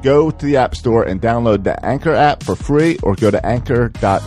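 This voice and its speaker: A male podcast host with a medium-pitched voice reads a sponsor spot. The delivery is casual and conversational. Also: normal speed, darkish tone, faint music behind.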